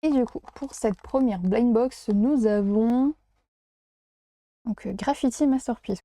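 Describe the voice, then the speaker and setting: A woman's voice: a little high, normal speed, dark tone, dry recording, clean studio sound. A woman hosting a casual toy unboxing, talking chattily with frequent hesitations. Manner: chatty, hesitant with many fillers, laughs at herself. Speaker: unboxing vlogger.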